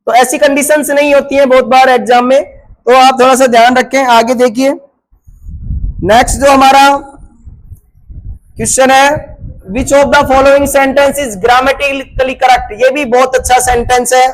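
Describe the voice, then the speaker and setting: A man's voice: extremely high pitch, low-quality recording. A male teacher giving an exam-prep grammar lesson, asking questions and answering them himself, and spelling words out letter by letter.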